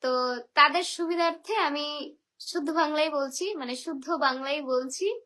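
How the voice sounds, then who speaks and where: Bright-voiced Bangladeshi woman livestreaming. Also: high voice, measured pace. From Barisal region of Bangladesh. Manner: chatty, teasing replies to viewers. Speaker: live streamer. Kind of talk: reading viewer comments on a live video call.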